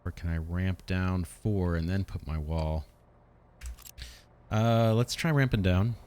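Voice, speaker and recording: A man hosting a let's play, thinking aloud in an unhurried way and asking himself questions as he plans. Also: low voice, a little mellow. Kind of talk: thinking aloud while playing a strategy game.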